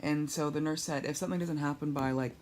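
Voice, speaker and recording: A woman with a deep, slightly mellow voice speaks quickly and fairly evenly over a faint hiss or hum. Weak and sore after surgery, she rambles candidly and wryly in a casual video diary, lying down at home with a handheld tablet held overhead.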